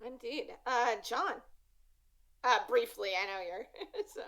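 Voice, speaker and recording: A woman game master casually hosting and introducing a tabletop show in a halting, conversational way. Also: a little high, a bit bright.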